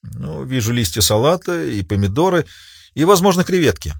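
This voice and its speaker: A man's voice: mid-range voice, very animated, moderate pace, creaky, breathy edge, no echo, studio quality, heavily acted. A man voicing a portly, jovial male pathologist who chats and lectures with relish. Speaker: medical examiner.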